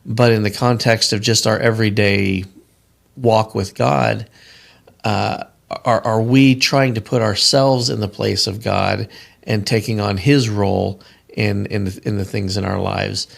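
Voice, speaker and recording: Gravelly low-voiced man explaining Scripture. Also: flat delivery, unhurried. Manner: earnest, thinks aloud with frequent restarts. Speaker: Bible study co-host. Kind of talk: casual Bible study discussion.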